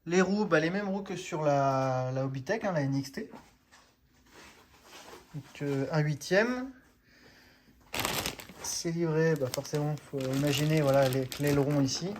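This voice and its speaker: A man's voice: fairly high pitch, noisy background. A man hosting a casual product unboxing for a hobby shop, chatty and full of hesitant fillers.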